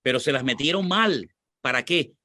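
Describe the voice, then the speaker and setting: A Spanish pastor talking through a question in a patient teaching voice of middle pitch. He repeats key phrases for emphasis. The sound is dry and close, with no room echo. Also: expressive, moderate pace, pushed and bright. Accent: Spanish (Spain). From Spain. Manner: explanatory, repeats points for emphasis. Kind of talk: sermon-like teaching, answering questions.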